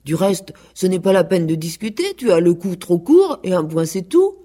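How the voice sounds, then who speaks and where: A woman's voice: on the low side, big pitch swings, normal speed, dark tone, pitched above the performer's own voice. A woman doing a haughty, prim goose. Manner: haughty and disdainful. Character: proud, prim goose with a long neck. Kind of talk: radio play reading.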